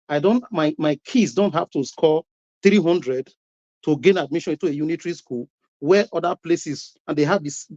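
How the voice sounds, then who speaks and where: Calling into a broadcast over lo-fi online call audio, a man with a Nigerian accent argues heatedly in a debate. His voice is a little high with a dark tone, and he fires off rhetorical questions and repeats words as he presses each point.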